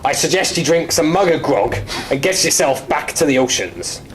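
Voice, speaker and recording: Gruff pirate played by a British man, dismissive, growled lingo, faint noise. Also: fairly high pitch, big pitch swings, moderate pace, poor audio. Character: gruff male pirate on support line.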